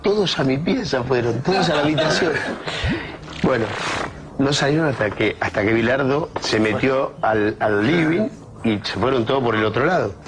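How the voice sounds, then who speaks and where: A man with a Rioplatense accent telling football stories, lively and mimicking the people he quotes. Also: mid-range voice, normal speed, noisy background. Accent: Rioplatense Spanish. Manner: lively, plays the other people in his stories. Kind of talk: storytelling in an interview.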